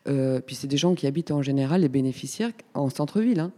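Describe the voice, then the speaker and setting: A woman in her fifties from Paris, talking as a guest in a casual radio interview, chatty and pausing often with fillers. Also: extremely low pitch, expressive, dark tone, big-room sound. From Paris, France. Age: 50s. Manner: chatty, hesitant with many fillers. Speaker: guest, community space coordinator.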